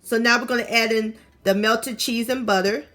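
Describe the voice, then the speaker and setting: A woman with a Southern US accent hosting a casual cooking video, expressive, with savoring exclamations and drawn-out words. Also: on the high side, faint music behind. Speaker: cooking show host. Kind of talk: casual recipe narration.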